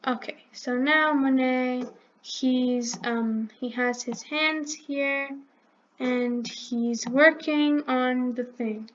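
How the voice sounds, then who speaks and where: Speaking very slowly in a steady, high voice, a woman leads a screen-recorded coding tutorial for her channel. The sound is lo-fi with slight hiss or hum. She walks through each step aloud, clicking through the program and correcting herself as she goes.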